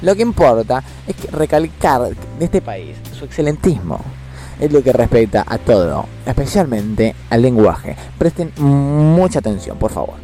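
A man's voice: mid-range voice, very animated, measured pace, dark tone, soft background music. A man with an Argentine accent, delivering a scripted comedy monologue in a mock-serious, exaggerated, jokingly ranting manner. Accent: Argentine Rioplatense Spanish. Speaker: comedy web series host.

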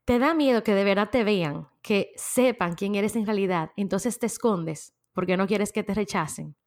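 A Dominican woman hosts a motivational podcast in a relaxed monologue. She speaks emphatically and chats with her listeners. She keeps a conversational pace full of filler words. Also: medium pitch, normal speed. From Dominican Republic. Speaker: podcast host.

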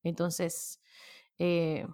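A woman's voice: fairly low pitch, monotone, drawn-out words, mellow. A woman talking casually as a podcast host about handling emotions, chatty, laughing often and tossing in slang. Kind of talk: casual self-help talk.

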